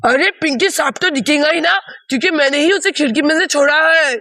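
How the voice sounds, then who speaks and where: A cheeky schoolgirl who brags and schemes, with a very high, bright voice, as a woman puts her on. Dry, close homemade doll-story sound. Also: a little fast, no echo. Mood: scheming. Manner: bragging, scheming, excitable. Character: cheeky, boastful schoolgirl Priya. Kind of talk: doll story play-acting.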